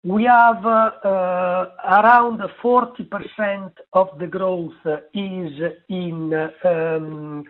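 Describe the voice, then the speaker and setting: A man answering analysts on an earnings call, halting with many filler sounds, heard over a clipped, dropping phone line. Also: high-pitched, steady tone. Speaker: company executive answering analysts.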